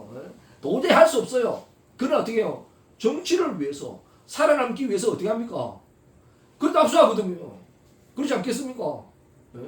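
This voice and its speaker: A high-pitched male pastor with a very lively voice that leaps up and down as he preaches. He keeps throwing rhetorical questions at the congregation, drops to soft asides and then rises to loud, emphatic calls. He is heard from some distance in an echoey church sanctuary. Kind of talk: sermon. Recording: echoey hall, voice from far off.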